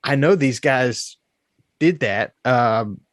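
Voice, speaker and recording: Chatting casually on a college football podcast, this co-host speaks slowly at a medium pitch and tends to repeat his opening words. The sound is clean studio audio with no room sound.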